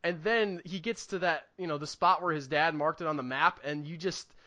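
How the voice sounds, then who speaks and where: Reviewing films as a podcast co-host, a man rambles through casual, enthusiastic, emphatic movie talk as thoughts occur to him. He sounds a little high and pushed-bright, at a moderate pace.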